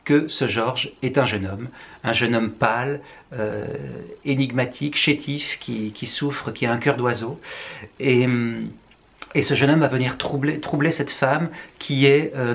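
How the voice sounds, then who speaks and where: A man's voice: mid-range voice, gravelly. A French man, a writer, musing through a book review with wry asides. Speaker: writer presenting books.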